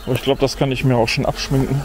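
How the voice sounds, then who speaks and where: A middle-aged drone vlogger rattles off rapid-fire, flat remarks at medium pitch while testing a drone outdoors in a forest. It's casual running commentary to himself, muttered with mild disappointment. Buzzing insects and faint outdoor ambience fill the background.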